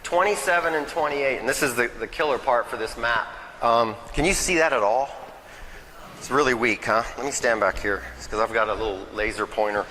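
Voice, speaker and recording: A man's voice: medium pitch, brisk, pushed and bright, in a large hall, a little hiss or hum, rough recording. A man giving a nervous, chatty local history talk to a small audience, often checking in with "okay?" and "right?". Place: meeting hall, in front of a crowd.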